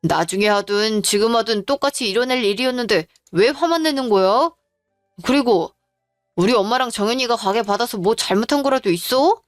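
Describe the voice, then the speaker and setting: A woman's voice: a little high, lively intonation, no room sound, clean studio sound, faint music behind, close to an everyday voice. Woman doing a defensive, evasive husband. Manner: defensive, slow, self-justifying.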